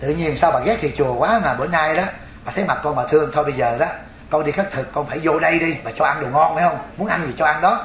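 A man's voice: a little high, fast talker, a bit bright, echoey room, a little hiss or hum. A man voicing a wealthy, scheming old woman, talking in a wheedling, chatty way.

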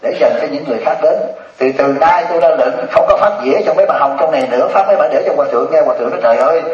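Joking older monk, echoey and distant. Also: male voice, on the high side, racing, a little mellow, a little hiss or hum. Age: 70s. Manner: joking, teasing storyteller. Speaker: Buddhist monk teacher. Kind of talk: humorous dharma talk. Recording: distant, echoey, dull lo-fi hall recording. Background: audience laughter.

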